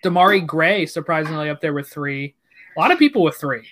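A man's voice: fairly high pitch, animated, a little fast, fairly bright tone, slight background noise. A man hosting a casual sports chat, talking freely and reading out lists of fixtures and scorers.

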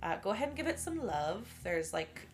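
A Canadian podcast co-host in her late twenties rambles through a casual chat, laughing frequently despite a stuffy, sniffling nose. Her mid-range voice swings widely in pitch and moves a little fast.

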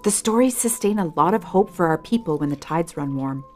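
A woman playing a serious, low-voiced northern traveler. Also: expressive, fairly quick, a little mellow, soft background music, lightly acted. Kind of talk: audio drama acting.

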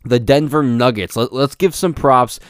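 Young male podcast host, smooth voice, dry close sound, opinionated and repetitive. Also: medium pitch, normal speed, no room sound. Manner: opinionated, repetitive, stumbles over words. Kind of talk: solo sports podcast rant.

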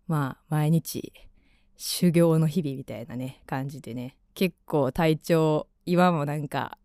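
A woman's voice: low-pitched, takes it slowly, mellow, no room sound, clean studio sound. A young woman in her twenties with a Kansai accent, chatting casually as a radio host and rambling through lots of fillers.

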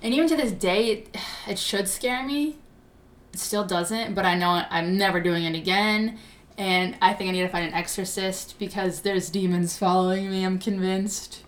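A woman's voice: medium pitch, fairly even intonation, moderate pace. A young adult woman hosting a podcast, telling stories in casual chat with restarts and bursts of laughter. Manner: chatty storytelling with restarts and laughter. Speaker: podcast host.

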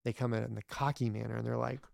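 A man's voice: medium pitch, level tone, racing, vocal fry, darkish tone, no echo, clean studio sound. A man talking as a podcast guest in casual interview chat, rambling with many restarts, blunt and sometimes profane.

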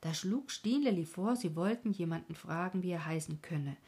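Low, husky storybook narrator woman. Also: moderate pace. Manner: calm, gentle, often half-whispered. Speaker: audiobook narrator.

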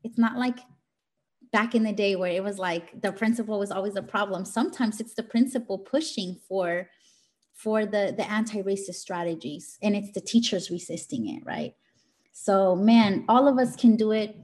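A woman's voice: medium pitch, moderate pace, darkish tone. A woman giving an informal motivational talk in an emphatic, scolding teacher voice, speaking directly and colloquially.

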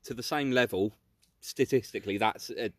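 A man's voice: mid-range voice, moderate pace, fairly bright tone, dry recording, clean studio sound. British man in blokey football chat. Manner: blokey, opinionated, stumbles into repeated words. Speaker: football podcast co-host.

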